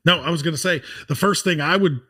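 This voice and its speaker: A man with an American accent talks casually as a podcast co-host. His voice is pitched a bit above average, and his delivery is conversational. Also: quick pace, pushed and bright, husky.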